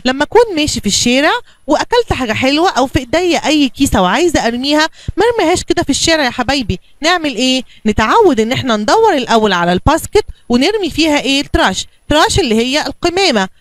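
A woman's voice: sits high, no room sound. A woman with an Egyptian Arabic accent teaching young children, coaxing them along and answering her own questions. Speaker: kindergarten teacher. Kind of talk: bilingual classroom lesson for young children.

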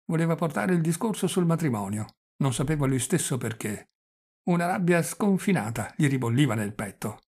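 A man narrating a classic novel as an audiobook reader, in an expressive storytelling manner. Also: medium pitch, vocal fry, slightly rough.

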